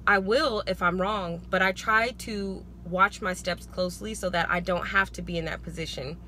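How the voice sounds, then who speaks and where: A woman's voice: on the low side, fairly even intonation, normal speed, pushed and bright, a little hiss or hum. A woman talking casually to viewers in a parenting vlog, explaining her advice in a conversational, emphatic way. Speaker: parenting vlogger.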